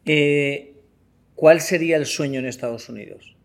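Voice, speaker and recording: A man's voice: on the high side, moderate pace. A man interviewing a guest in casual conversation, asking short, curious questions.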